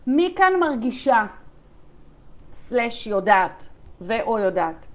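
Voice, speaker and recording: High-voiced woman coaching a live online group. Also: sing-song. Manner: addresses listeners directly, reads their chat replies aloud; repetitive, emphatic, many "okay?" check-ins.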